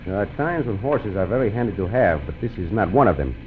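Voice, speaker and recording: The Cisco Kid, a gallant caballero. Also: male voice, lowish voice, very animated, fast talker. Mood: calm, stealthy. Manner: courtly, formal English with Spanish words. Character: dashing Mexican caballero hero, calm and gallant. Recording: dull old radio broadcast with hiss.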